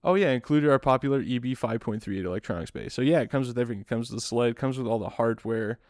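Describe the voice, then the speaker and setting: A man hosting a podcast, explaining things in a relaxed, rambling way with dry, self-mocking humor. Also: mid-range voice, fast, dry recording. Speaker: podcast host. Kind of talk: casual podcast chat.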